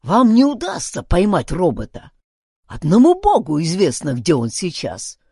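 A woman's voice: lowish voice, huge pitch swings, moderate pace, dark tone, husky, no echo, clean studio sound, heavily acted. A woman voicing a grumbling old bearded man in a read-aloud story. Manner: muttering, grumbling.

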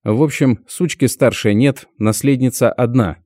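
A man's voice: medium pitch, normal speed, dark tone, no room sound, clean studio sound, voice pushed up, close to an everyday voice. A man voicing a crude, menacing middle-aged uncle who sneers and swears. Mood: scheming. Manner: coarse, sneering, swears a lot.

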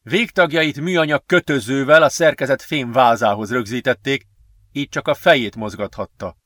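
A man reading an adventure novel aloud as an audiobook narrator, steady and measured. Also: medium pitch, no room sound. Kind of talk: scripted narration.

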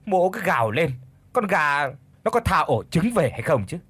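A man's voice: on the high side, sing-song, moderate pace, fairly bright tone, slightly rough, no echo, voice pushed up, exaggerated voice. A male narrator voicing a drunk old village man who taunts with a sneer. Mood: mocking.

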